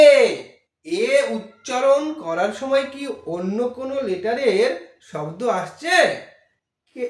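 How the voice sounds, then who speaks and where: A man giving a mock demo lesson to young children, coaxing them along and asking questions he then answers himself. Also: very high voice. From Bangladesh. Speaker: teacher. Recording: echoey room, mic at a distance.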